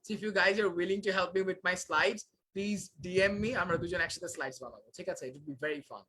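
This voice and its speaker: A man's voice: high voice, animated, normal speed, sharp tone, low-quality recording. A young man teaching a live online class, switching between Bangla and English with frequent filler sounds.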